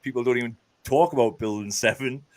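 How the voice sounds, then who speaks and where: A man with a brisk, mid-range voice speaks earnestly as a podcast guest in casual interview talk, restarting often and using plenty of fillers. His accent is Geordie, from northeast England, and he's noted as being from Scotland.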